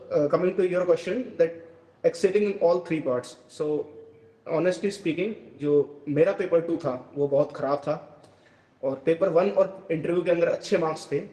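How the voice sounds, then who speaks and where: A young man on a video call explains his exam strategy calmly, mixing Hindi and English, and his mic picks up a heavy echo. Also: a little high. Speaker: successful exam candidate answering questions. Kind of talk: online Q&A mentoring. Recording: echoey, reverberant room on a video call.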